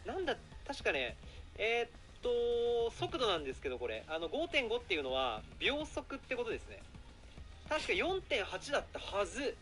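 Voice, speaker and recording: Excitable man streaming over background music. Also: extremely high pitch, normal speed. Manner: excitable, apologetic, rambling. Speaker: live streamer. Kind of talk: casual live-stream chat.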